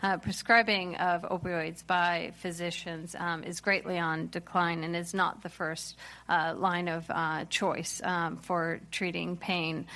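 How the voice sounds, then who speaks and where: A woman speaking for a community health center on a panel. Her voice is low and very flat in pitch, and she talks haltingly through many fillers. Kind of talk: panel remarks.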